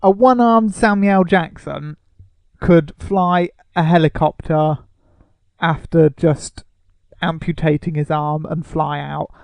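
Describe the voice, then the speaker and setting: Male podcast co-host, gravelly, teasing, dry studio sound. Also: on the high side, steady tone, takes it slowly, dry recording. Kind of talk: casual comedic chat.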